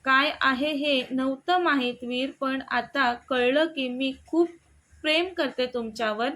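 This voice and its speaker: A woman voicing an emotional young wife who pleads through tears, with a high, slow voice. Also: fairly bright tone. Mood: tearful. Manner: pleading and teary.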